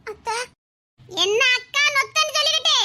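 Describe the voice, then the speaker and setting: A woman's voice: very high voice, a little fast, heavy background noise. A woman voicing a sarcastic older sister figure in a drama, speaking with a Tirunelveli Tamil accent and jeering in a mocking tone.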